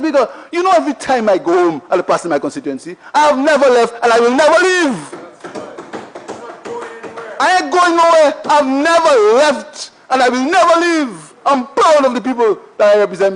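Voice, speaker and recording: In a parliament chamber, a Saint Lucian member of parliament speaks in a high voice, delivering an impassioned, repetitive address full of rhetorical questions. The audio is of poor quality.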